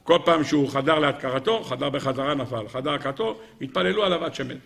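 A man giving a Talmudic sermon, telling stories dramatically, swinging between loud exclamations and hushed low passages and acting out the rabbis' dialogue. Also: gravelly. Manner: addresses audience as "gentlemen", acts out rabbis' dialogue. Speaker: rabbi lecturer.

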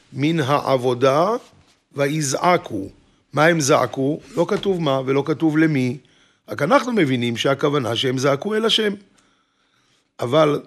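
A man preaching a sermon, telling a story and acting out its characters. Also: a little high. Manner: animated storyteller, acts out characters.

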